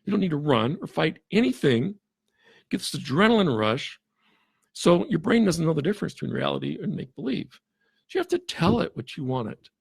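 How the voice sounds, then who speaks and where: A man's voice: fairly high pitch, very animated, gravelly, husky, no room sound. A man, a forensic interviewer, talking casually as a podcast guest, with frequent restarts and chuckles. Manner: halting, many restarts, chuckles often.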